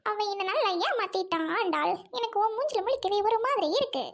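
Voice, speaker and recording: A woman's voice: very high voice, animated, brisk, a little hiss or hum. A woman with a Trichy Tamil accent playing a bossy, melodramatic lovestruck young woman in a comedy skit. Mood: dramatic.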